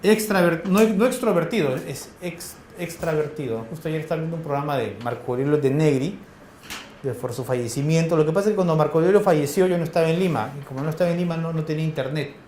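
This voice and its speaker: A man with a Peruvian accent giving a classroom lecture, firing quick questions at his students in a colloquial way. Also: a little high, warm tone, a little hiss or hum. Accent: Peruvian Spanish. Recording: echoey classroom.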